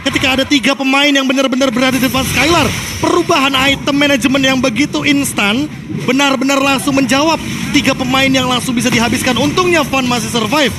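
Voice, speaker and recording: A man's voice: extremely high pitch, quick pace. An Indonesian man giving analytical esports commentary, explaining plays emphatically and repeating his key points. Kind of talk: analytical live game commentary. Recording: clear noise behind the voice.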